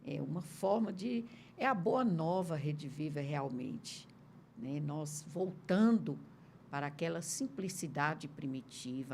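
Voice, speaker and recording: Low, gravelly Brazilian woman host. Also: a little hiss or hum. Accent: Brazilian Portuguese. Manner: gentle, frequent tag questions. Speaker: podcast host. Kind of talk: interview questions.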